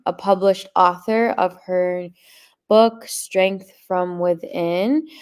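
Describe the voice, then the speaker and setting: A woman's voice: on the low side, a little mellow, smooth. A woman hosting an online interview and welcoming the audience, friendly and with frequent ums. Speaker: interview host.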